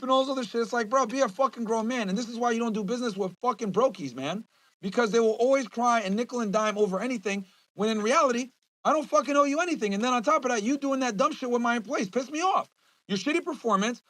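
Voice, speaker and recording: A man's voice: extremely high pitch, a bit bright, no echo, low-quality recording. A young man hosting a podcast, speaking to his viewers in a heated, profane rant that keeps circling back on itself. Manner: heated, profane, repeats himself. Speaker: podcast host.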